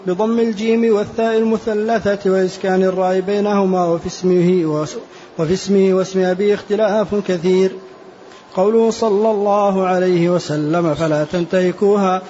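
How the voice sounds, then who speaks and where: A high-pitched man reads a classical text aloud in a steady recitation, stopping to spell out how each word is voweled. The recording is dull and lo-fi, with a faint hiss behind him.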